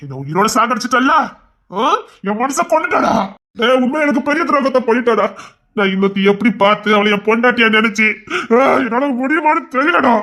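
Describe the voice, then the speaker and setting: A man's voice: very high-pitched, expressive, brisk, pushed and bright, full character voice. A man voicing a bitter, stubborn jilted young man in an audio drama, speaking in a brooding, resentful, emphatic way. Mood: hurt. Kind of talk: Tamil audio drama acting.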